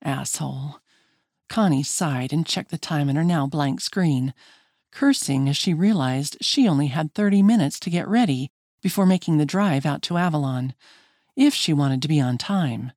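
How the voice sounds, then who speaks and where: A woman narrating an audiobook with a measured, expressive reading. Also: deep voice, no room sound, clean studio sound. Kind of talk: scripted narration.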